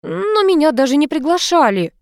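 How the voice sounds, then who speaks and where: Женщина играет плаксивую юную подругу. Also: female voice, sits high, very animated, normal speed, dry recording, studio quality, pitched above the performer's own voice. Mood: pleading. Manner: squealing, pleading. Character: emotional young woman friend, tearful.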